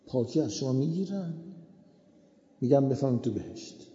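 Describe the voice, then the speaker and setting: A man giving a slow, repetitive moral sermon as a cleric. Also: mid-range voice, animated, warm tone. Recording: echoey hall, dull lo-fi sound.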